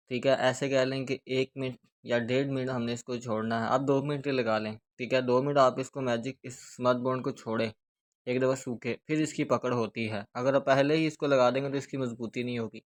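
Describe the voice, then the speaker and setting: Flat-voiced man explaining a repair. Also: mid-range voice. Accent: Pakistani Urdu. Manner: steady, repetitive explaining while working with hands. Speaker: speaker repair instructor. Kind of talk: hands-on repair tutorial.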